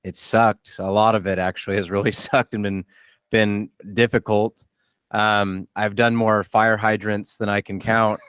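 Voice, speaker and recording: A man in his late thirties with a low, smooth, resonant voice, chatting candidly as a podcast host. He talks in a halting, self-deprecating way, circling back and restarting his sentences. The sound is close and dry. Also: little pitch movement, a bit bright, no echo. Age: 30s. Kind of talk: casual interview chat.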